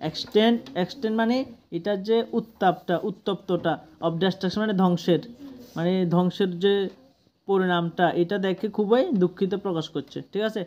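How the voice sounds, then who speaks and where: A teacher with a Bangladeshi accent, explaining an English text slowly, word by word, and often checking with the class. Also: medium pitch, fairly even intonation, darkish tone, muffled recording, slight background noise. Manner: explains each word slowly, often asks "ঠিক আছে?".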